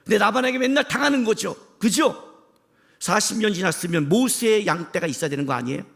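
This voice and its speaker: A man preaching a sermon as pastor, impassioned, shouting for emphasis and firing rhetorical questions at the congregation. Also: high voice, animated, fairly quick, gravelly.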